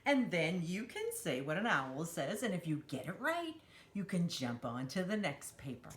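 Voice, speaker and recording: Hosting a children's storytime, a woman with a fairly low, very animated voice speaks at a normal speed. She talks simply and encouragingly to young kids while demonstrating a craft, referring to herself in the third person.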